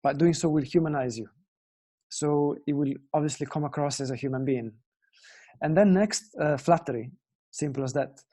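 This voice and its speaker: A young Italian man teaches guitar online in a sincere, explanatory way, regularly turning to viewers with questions in his Italian accent. He speaks at normal speed in a warm, slightly high voice.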